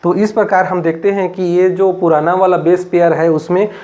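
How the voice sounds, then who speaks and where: A man from Chhattisgarh teaches a biology class in Chhattisgarh Hindi, walking through each step and repeating himself often with plenty of fillers. His voice sits high with little pitch movement and a darkish tone, at a normal speed. The recording has a lo-fi quality.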